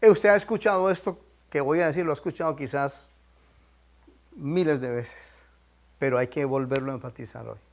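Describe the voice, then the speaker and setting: A man's voice: a little high, moderate pace, creaky. A man teaching a Bible class, stressing his points by repeating them and prompting listeners with questions. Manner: emphatic, repeats key points.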